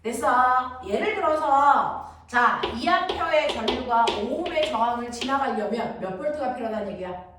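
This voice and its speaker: A woman teaching a middle school science class, talking briskly and constantly checking whether students follow. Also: sits high, expressive, distant mic. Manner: brisk, constantly checks understanding with quick questions. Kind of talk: classroom lecture. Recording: echoey classroom from afar, noisy.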